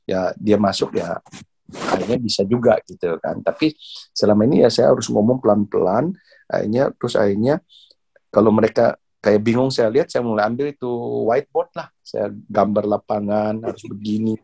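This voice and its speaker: A middle-aged man from Indonesia, a badminton coach, telling stories in a relaxed interview, laughing often and repeating words as he searches for them. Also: on the low side, moderate pace, creaky, breathy edge. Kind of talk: casual interview storytelling.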